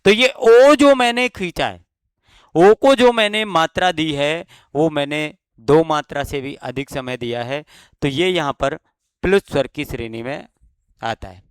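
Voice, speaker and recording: Clear-voiced man teaching grammar. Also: a little high, no room sound. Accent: Rajasthani Hindi. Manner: explanatory, asks and answers his own questions, drawn-out demonstration sounds. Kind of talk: exam-prep grammar lesson.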